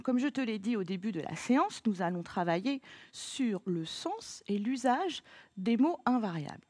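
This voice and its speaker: A woman teacher leading a child through a slow, patient spelling lesson, spelling words letter by letter. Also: medium pitch, no echo.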